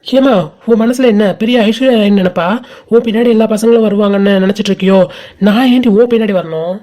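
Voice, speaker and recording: Woman acting out a cocky college guy, cartoon, sneering, teasing, fast talk, warm low-key tone. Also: lightly acted. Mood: mocking. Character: cocky mocking young college man. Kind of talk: amateur animated cartoon dub.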